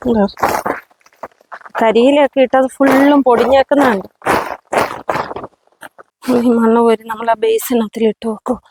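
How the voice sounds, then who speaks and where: A woman chatting to her viewers as friends while she clears plants in her yard, working as she talks. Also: on the high side, steady tone, normal speed, long pauses, background noise. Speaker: vlogger. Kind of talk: casual chat while gardening. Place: outdoors in a home yard.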